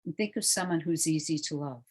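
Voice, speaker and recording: A calm meditation guide talking listeners down into deep relaxation. The delivery is slow, hushed and soothing, with phrase endings that fade to near quiet. The voice sits at an ordinary middle pitch. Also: slightly rough.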